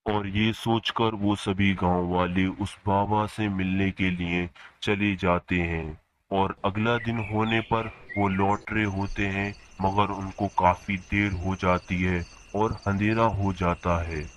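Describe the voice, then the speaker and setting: Brief: male storybook narrator, steady delivery, lowish pitch, noisy track. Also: slow.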